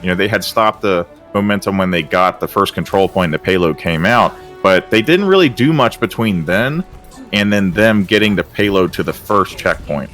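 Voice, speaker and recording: A man doing excitable play-by-play commentary for an esports match, with casual filler words. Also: low-pitched, soft background music. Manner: excitable, gets louder and faster in big plays. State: out of breath. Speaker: esports caster.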